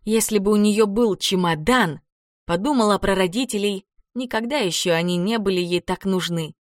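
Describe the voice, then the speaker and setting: A woman reading a children's adventure story aloud as narrator, in a dramatic, expressive way. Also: medium pitch, moderate pace, no echo, clean studio sound. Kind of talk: audiobook narration.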